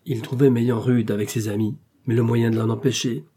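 A man narrating a novel aloud as an audiobook, measured and expressive. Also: mid-range voice, a little hiss or hum.

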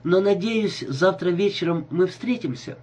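Man playing a smooth seducer, suave, husky, lively pitch. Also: unhurried, highs cut off, exaggerated voice. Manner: suave, falsely sympathetic. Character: smooth-talking seducer man, nervous underneath.

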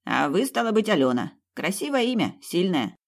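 A woman's voice: fairly low pitch, sing-song, normal speed, creaky, voice pushed up, full character voice. A woman voicing an eager blond snake-man.

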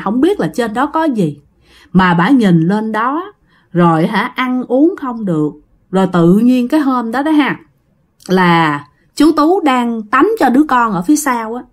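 A woman telling a ghost story to her listeners in a chatty, dramatic way with many fillers. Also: a little high.

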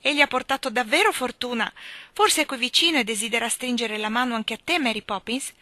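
A woman reading aloud, voicing an eager, hopeful young boy in an excited, pleading way. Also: on the high side, fairly quick, no echo, voice pushed up.

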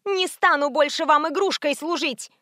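Woman voicing a young woman, volatile, shrill, scornful, high, dry sound. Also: normal speed, pushed and bright, dry recording. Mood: shrieking. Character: rude, volatile young woman, a mentally ill daughter.

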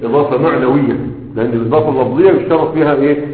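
A man's voice: medium pitch, rapid-fire. A man teaching grammar to a class, posing rhetorical questions to his students as he explains. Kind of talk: classroom lecture. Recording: echoey hall, phone-like lo-fi sound.

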